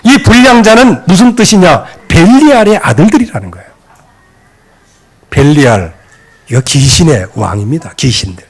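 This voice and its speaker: A male pastor delivers a sermon in a church with a notably high voice. His pitch swings widely as he preaches with animation, slipping into scolding voices when he quotes people. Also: big pitch swings, normal speed, slightly rough. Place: church sanctuary.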